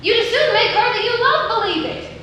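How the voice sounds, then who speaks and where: A woman's voice: very high-pitched, animated, a little fast, bright, forceful tone, exaggerated voice. A woman on stage playing a witty, teasing young heroine disguised as a youth, declaiming playfully in Shakespearean style. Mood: teasing, animated. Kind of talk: live Shakespeare stage acting. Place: stage performance, recorded from afar. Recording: distant, echoey stage recording with faint noise.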